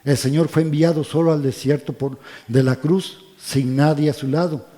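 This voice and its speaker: A man leading a church Bible study, often asking the listeners questions and dropping to soft, quiet tones on solemn points. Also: a little high, steady tone, normal speed. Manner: asks the congregation questions, checks in with "¿verdad?". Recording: long reverb of a church hall.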